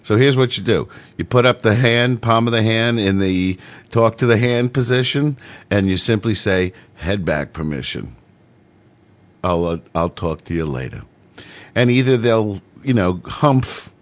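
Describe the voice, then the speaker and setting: Man hosting a joking radio show. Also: on the low side. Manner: playful, rambling, mock-grandiose. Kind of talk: comedic internet radio hosting.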